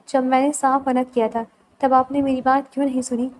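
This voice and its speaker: A woman's voice: sits high, level tone, darkish tone, lightly acted. A woman reading aloud the lines of a wary young wife in a novel, guarded and direct.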